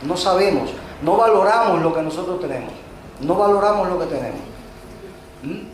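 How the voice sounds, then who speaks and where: A man's voice: high voice, expressive, normal speed. A man with a Chilean accent preaching a sermon to his congregation, hesitant, with frequent filler sounds and repeated words, calling them brothers. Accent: Chilean Spanish. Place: church. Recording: echoey church hall with faint noise.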